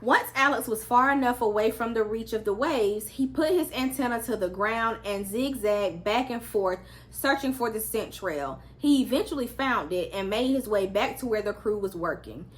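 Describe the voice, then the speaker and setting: A woman's voice: on the high side, lively intonation, normal speed, hardly any pauses. A woman reading a children's story aloud as a storyteller, acting out the characters' lines expressively.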